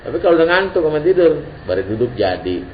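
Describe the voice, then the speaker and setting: A man's voice: a little high, fast. Man teaching a religious lesson. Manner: casual Jakarta-slang preaching, lively and joking. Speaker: Islamic teacher. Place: religious gathering hall. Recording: dull lo-fi recording with faint hiss.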